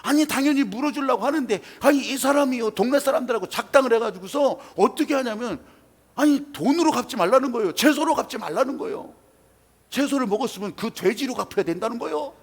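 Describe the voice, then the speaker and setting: A man preacher acting out an indignant middle-aged villager, agitated and complaining loudly. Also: very high-pitched, animated, quick pace, slightly rough, big-room sound, pitched above the performer's own voice, exaggerated voice.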